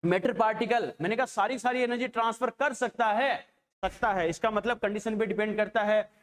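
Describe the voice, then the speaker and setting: A man with a notably high voice teaches a chemistry lesson. He talks to his students like a fond elder, calling them children and pausing every few phrases to ask whether they are following. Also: steady tone. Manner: coaxing, keeps checking understanding with rhetorical questions; addresses students fondly as children. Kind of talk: classroom lecture.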